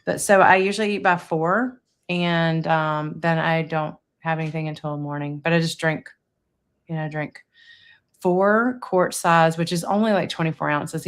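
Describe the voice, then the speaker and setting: A woman's voice: deep voice, fairly even intonation, moderate pace. A woman in her fifties chatting casually as a guest, rambling through her daily routine with lots of fillers. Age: 50s. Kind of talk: casual chat. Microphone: streaming interview setup.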